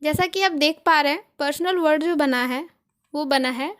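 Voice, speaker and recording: Grammar is the topic as a young woman with an Indian accent teaches English online at a slow, patient pace. Her high voice has a fairly bright tone, and she explains every point multiple ways with examples from daily life.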